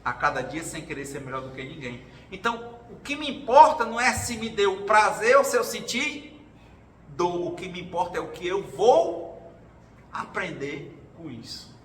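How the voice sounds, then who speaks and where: A man's voice: high-pitched, very animated, normal speed, a bit bright. A man giving an informal talk at a spiritual gathering, telling stories from his life and acting out the voices of others. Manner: conversational storytelling, acts out quoted voices. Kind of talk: informal talk sharing personal experience. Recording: roomy hall, distant mic, faint noise.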